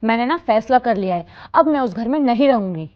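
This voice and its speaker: Young married daughter, acted by a woman, high voice, indignant and complaining, scripted family drama, slightly dull recording. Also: animated, fairly quick, lightly acted. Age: young adult.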